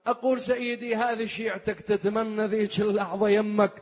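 A man's voice: high-pitched, flat delivery, a little fast. A man chanting a mourning sermon in a melodic, lamenting style. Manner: melodic lamenting chant, rising to wailing cries. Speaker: eulogy reciter. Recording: lo-fi hall with long reverb and faint music.

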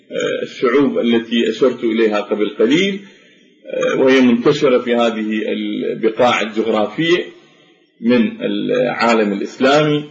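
Man, lecture, measured explanatory delivery, frequent pauses, echoey room. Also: mid-range voice, gravelly. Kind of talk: spoken lecture on Arabic phonetics. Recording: dull lo-fi recording in an echoey room.

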